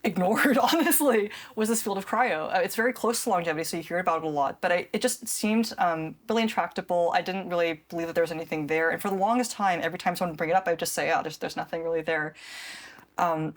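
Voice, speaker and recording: Young woman cofounder, lowish voice, lots of ums and likes, thinking out loud. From grew up in New Zealand. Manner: thoughtful, many fillers and restarts. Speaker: cofounder and CEO. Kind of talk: casual interview talk.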